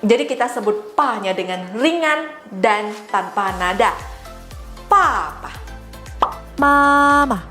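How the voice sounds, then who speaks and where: Woman, language teacher, slow deliberate delivery, exaggerated tone examples, roomy echo, faint background music. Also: mid-range voice, lively intonation, a bit bright. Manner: slow, careful, exaggerated tone demonstrations. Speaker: Mandarin teacher. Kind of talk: language lesson.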